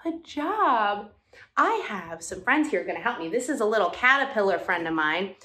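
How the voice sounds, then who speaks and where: A woman's voice: mid-range voice, sing-song, normal speed, sharp tone. A woman teaching a music class for young children, talking in a cheerful, sing-song way and coaxing the kids to join in.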